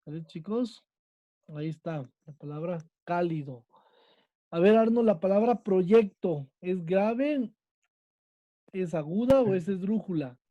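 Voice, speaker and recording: A man's voice: sits high, expressive, unhurried, no room sound, highs cut off. A man with a Mexican accent, teaching a Spanish class and quizzing his students, checking in with them again and again. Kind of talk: online class lesson.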